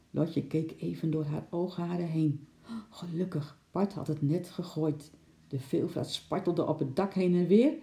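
A narrator reading a children's storybook aloud in a calm storytelling manner, with a roomy echo. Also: medium pitch, vocal fry.

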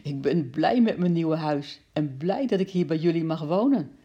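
A woman's voice: deep voice, expressive, normal speed, dark tone, husky. A woman doing a sly little chimpanzee in a storybook. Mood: contented, sly. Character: small clever mischievous male chimpanzee, pleased.

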